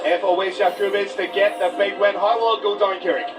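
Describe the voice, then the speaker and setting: A man's voice: sits high, level tone, a little fast, recorded from a distance, music in the background, low-quality recording. A man working as play-by-play commentator, giving fluent, informative fight commentary.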